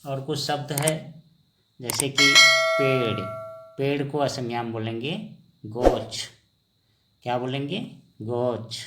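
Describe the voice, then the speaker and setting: A male language teacher speaks at a very slow, deliberate pace in a middle-pitched voice. He drills each word several times. He poses questions to the viewer and then answers them himself, as in a recorded screen lesson. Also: fairly even intonation, very noisy. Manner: slow, repetitive drilling, asks and answers his own questions. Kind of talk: vocabulary lesson.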